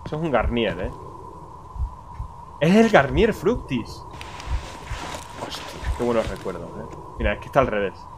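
A man's voice: lowish voice, expressive, fast, hardly any pauses. A man with a Spain Spanish accent streaming a horror game live, talking to himself, swearing and startling easily. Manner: jumpy, swears often, talks to himself while playing. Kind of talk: live gameplay commentary. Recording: loud background noise.

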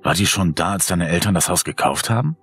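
A man's voice: deep voice, brisk, a bit bright, husky, faint music behind, exaggerated voice. A man voicing a bold, curious teenage boy who talks bluntly.

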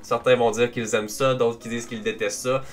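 A man with a Québécois French accent hosting a casual reaction video, chatty and quick to laugh as he explains language quirks. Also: mid-range voice, little pitch movement. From Quebec.

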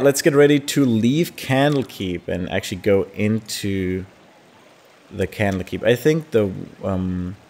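A man's voice: lowish voice, a little mellow. A man giving casual gameplay commentary, thinking aloud in a hesitant way with fillers. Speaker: gamer.

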